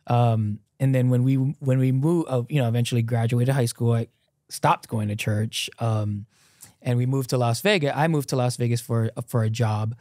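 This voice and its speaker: A Hawaiian man in his thirties, a podcast guest, tells his story loosely and animatedly, gesturing and filling his speech with "like." His mid-range voice moves at a moderate pace with no room sound, caught on a close boom-mounted podcast mic in a small, dim studio set with a couch.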